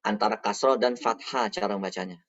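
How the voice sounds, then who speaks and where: A man teaching the rules of Quran recitation in a patient, explanatory manner, repeating each point slowly. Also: on the low side, no room sound. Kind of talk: explanatory lesson. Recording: dull, dry lo-fi recording.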